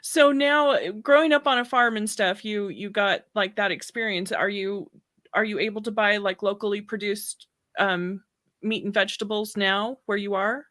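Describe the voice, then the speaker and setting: A woman hosts a relaxed cooking chat, asking loose, rambling questions and laughing easily. Her voice sits at an ordinary pitch and sounds dry and close to the mic. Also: normal speed, no echo. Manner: giggly, chatty, upbeat. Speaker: host of a cooking channel. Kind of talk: casual interview chat.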